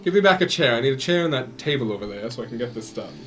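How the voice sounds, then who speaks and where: A man's voice: medium pitch, expressive, rapid-fire, fairly bright tone, faint music behind. A man playing a tabletop game, talking in upbeat, joking banter with the table. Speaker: player. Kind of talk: casual tabletop play.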